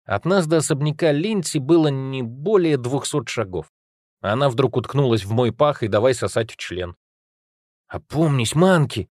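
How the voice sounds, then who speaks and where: A male narrator reading a first-person novel aloud in a wry, agitated, confessional tone. His voice sits at an ordinary middle pitch, recorded very dry and close. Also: lively intonation, normal speed, darkish tone, no room sound. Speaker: audiobook narrator.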